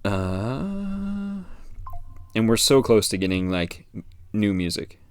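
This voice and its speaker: A man from the United States talks on his own podcast in a low, relaxed voice. He wanders from thought to thought and fills the gaps with ums and likes. The recording is dry, with no room sound. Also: normal speed, clear, resonant tone, no echo. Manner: rambling, relaxed, many fillers and restarts. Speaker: podcast host. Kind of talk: casual solo podcast chat.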